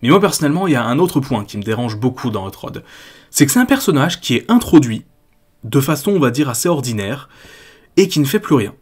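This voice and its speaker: A man's voice: mid-range voice, very animated, brisk, slightly rough. A man delivering a scripted, critical and sarcastic video-essay commentary as a film critic.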